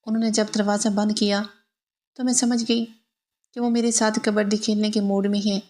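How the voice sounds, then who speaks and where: A woman narrating a scripted first-person story in an even, steady reading. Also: mid-range voice.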